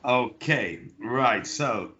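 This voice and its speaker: A man's voice: medium pitch, drawn-out words, pushed and bright, dull audio. A man teaching an online lesson, correcting pronunciation and drilling sounds, with opinionated asides. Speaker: English teacher.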